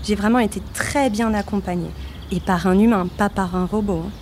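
A woman's voice: medium pitch, fairly even intonation, a little fast, darkish tone, slight background noise, close to an everyday voice. A woman playing a bubbly, proud startup founder, effusive and chatty, in an amateur audio drama. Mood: grateful.

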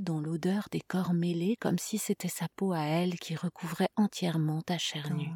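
A woman giving a soft, hushed, breathy whispered reading of a literary text, close to the mic. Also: sits low, no echo. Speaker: reader.

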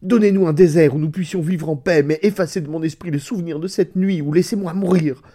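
A man's voice: on the low side, fairly even intonation, moderate pace, mellow, slightly rough. A man voicing a desperate, guilt-ridden husband who pleads in a raised, strained voice in a storybook reading. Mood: desperate pleading.

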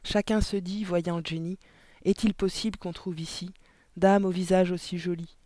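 A man's voice: high-pitched, little pitch movement, normal speed, a little mellow, no room sound, clean studio sound, natural voice. A man voicing a polite clever little girl. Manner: polite, earnest, matter-of-fact. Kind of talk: audiobook character voice.

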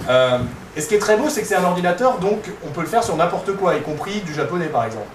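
A man's voice: sits high, very animated, quick pace. A man, a researcher, explains voice experiments at a public science talk in a casual, explanatory way, sometimes showing things with his own voice. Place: conference hall. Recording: echoey hall, distant mic, faint noise.

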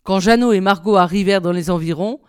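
A woman reading a fairy tale aloud in a measured, expressive storybook style. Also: mid-range voice, smooth, no room sound, studio quality. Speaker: reader.

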